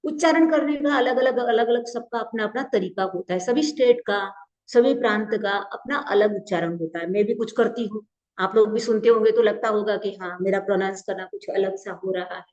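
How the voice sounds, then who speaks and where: A woman's voice: mid-range voice, a little fast, darkish tone, muffled recording. A woman teaching a grammar class, explaining patiently and often checking that students follow. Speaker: Prakrit teacher. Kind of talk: online class lecture.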